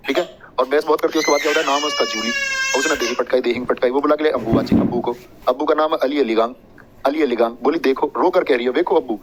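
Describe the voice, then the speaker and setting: A man's voice: fairly high pitch, heavy background noise. A man teaching an exam-prep class, joking and chatty, drilling points with repetition and mnemonic stories.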